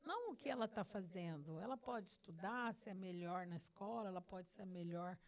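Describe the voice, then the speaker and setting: A woman's voice: fairly low pitch, animated, a little fast. A middle-aged woman host sharing an emotional personal testimony, earnest and repeating phrases for emphasis. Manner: acts out her own past words to God.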